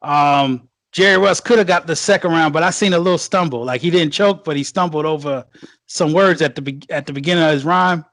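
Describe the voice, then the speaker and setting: A man giving his take in a casual podcast chat, hesitant and halting, with many fillers and restarts. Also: on the high side, fairly bright tone, no echo.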